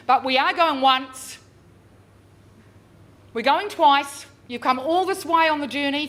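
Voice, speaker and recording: A woman working as a real estate auctioneer, calling bids live with drawn-out repeated figures and chatty coaxing of bidders. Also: high-pitched, sharp tone. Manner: drawn-out, repeated bid calls. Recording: noisy live auction room.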